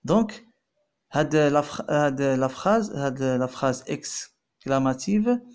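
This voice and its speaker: A man's voice: medium pitch, animated, normal speed, darkish tone. Man teaching French grammar, translating. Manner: explains in French, repeats phrases, translates into Arabic. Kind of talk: bilingual grammar lesson.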